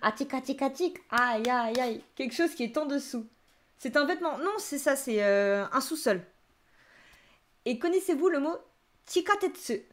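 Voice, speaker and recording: A young woman with a slightly high voice runs a live-streamed Japanese lesson. She talks in a lively, chatty way, laughing often as she reacts to viewers' answers. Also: normal speed. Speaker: Japanese teacher.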